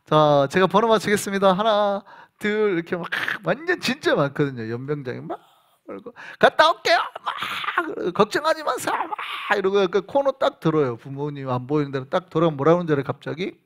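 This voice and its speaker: A man's voice: fairly high pitch, quick pace. A middle-aged male pastor from South Korea, preaching a sermon and acting out the people he quotes. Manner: animated, acts out quoted voices and drill sergeants.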